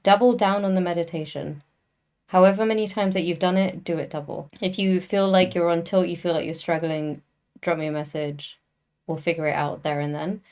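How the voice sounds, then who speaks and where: A woman's voice: on the low side, fairly even intonation, fairly quick, darkish tone. A woman coaching a trader over a video call, direct and encouraging, laughing easily. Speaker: trading psychology coach.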